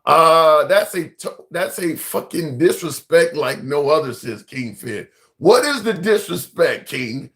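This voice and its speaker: A male livestream host runs a casual political call-in show, addressing viewers and callers directly in a rambling, emphatic way and swearing casually. His voice sits on the high side, expressive and fairly bright, unhurried yet with few pauses.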